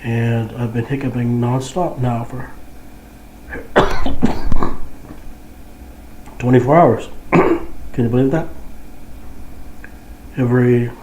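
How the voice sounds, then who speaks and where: A man's voice: mid-range voice, fairly even intonation, mellow, echoey room, slight background noise, poor audio. A man with a head cold and the hiccups, talking through a casual video diary at home, amused and chatty. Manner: slow, amused, chatty with restarts. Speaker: vlogger.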